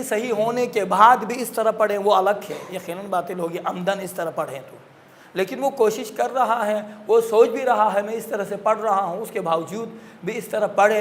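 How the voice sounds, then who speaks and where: A man teaching a classroom lesson on Quran recitation, explaining patiently and repeating his points. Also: high-pitched.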